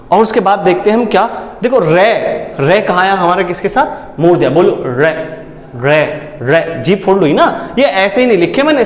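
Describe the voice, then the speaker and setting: A man with a high voice teaches a grammar lesson at a whiteboard. He keeps repeating points and firing rhetorical questions at his students. The sound is roomy, with a long reverb tail and faint noise behind him. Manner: repetitive, quizzing with rhetorical questions. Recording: echoey room with faint background noise.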